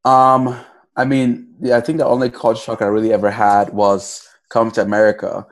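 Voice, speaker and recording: A man's voice: mid-range voice, flat delivery, moderate pace. A young man from Cameroon, a podcast guest, talking casually in a loose, rambling way with many restarts. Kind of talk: casual interview.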